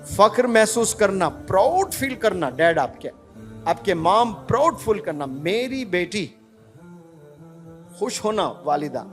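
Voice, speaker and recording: A man's voice: high voice, sing-song, faint music behind. A male preacher giving an earnest sermon, putting rhetorical questions to young people.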